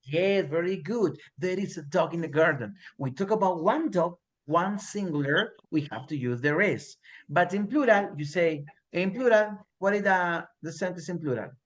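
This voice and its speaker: A man with a high-sitting, animated voice runs an English lesson in Spanish and English. He says example sentences slowly and repeats them for the class.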